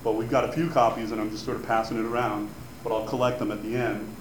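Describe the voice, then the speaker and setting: A man with a fairly low, flat voice speaks quickly and informally to students about a grant program, rambling with lots of fillers and restarts. Born in Cuba and a native Spanish speaker, he's an advisor leading an info session before an audience. The room is echoey, with faint background noise.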